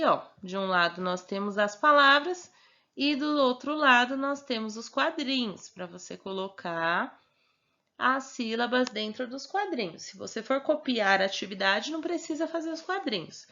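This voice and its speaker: A woman teacher giving a recorded remote lesson, patiently sounding out words slowly and checking that the child follows. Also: fairly high pitch, bright, forceful tone. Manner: patient, slow, spelling words out. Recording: muffled lo-fi recording.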